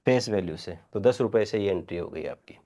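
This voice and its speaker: A man giving a revision lecture as a commerce teacher. He quizzes his students with questions and answers them himself, and he dictates journal entries slowly, word by word. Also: fairly low pitch, dark tone.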